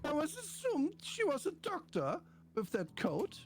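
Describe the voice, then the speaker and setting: A woman's voice: high voice, wildly swooping pitch, a little slow, pitched above the performer's own voice, exaggerated voice. A woman voicing a fussy, complaining older male neighbor, read aloud from a game in a theatrical, exasperated, gossipy way. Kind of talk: reading game dialogue aloud.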